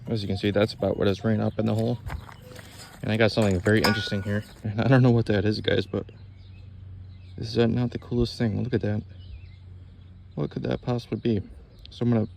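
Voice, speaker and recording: A man's voice: fairly low pitch, little pitch movement, fast, creaky, pauses often, a little mellow. A man casually narrating his metal detecting finds to viewers with wonderstruck exclamations, recorded outdoors. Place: outdoors in a torn-out street. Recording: noisy outdoor recording with ambient sounds.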